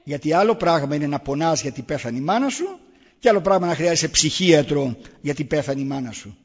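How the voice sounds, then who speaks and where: In a public talk on raising children, a middle-aged man with a slightly high, breathy-edged voice and lively intonation speaks earnestly to an audience, driving points home with rhetorical questions. A large hall gives a long echo, and the recording sounds dull and muffled.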